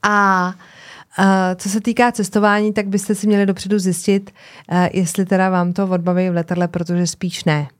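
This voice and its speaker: A woman's voice: medium pitch, little pitch movement. A woman chats casually with a friend, reading advice off a website and breaking in with her own comments. Her delivery is loose and full of filler words. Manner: chatty, reads aloud with asides and filler words. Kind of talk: casual chat, reading tips aloud from a website.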